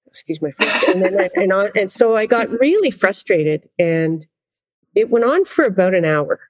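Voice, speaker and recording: A middle-aged woman, a conductor and interview guest, telling animated, self-deprecating stories in casual conversation. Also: mid-range voice, normal speed, dry recording. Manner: animated, self-deprecating anecdotes with frequent laughter.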